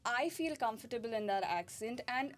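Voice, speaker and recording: A woman's voice: fairly high pitch, normal speed. A young woman from India with an Indian accent, talking casually and animatedly as a podcast co-host, acting out what others say. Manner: animated, laughs often, acts out quotes. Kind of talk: casual chat.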